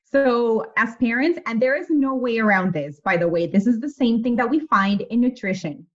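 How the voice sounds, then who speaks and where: A woman's voice: fairly high pitch, normal speed. A woman in her forties, guest in a casual interview, telling stories candidly and with energy, and swearing freely. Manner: candid, animated storyteller who swears freely. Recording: muffled lo-fi audio.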